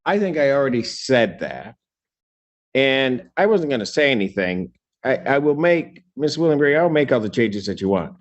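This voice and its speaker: A man speaking as a judge, heard on a courtroom recording, measured and deliberate. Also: mid-range voice, sing-song.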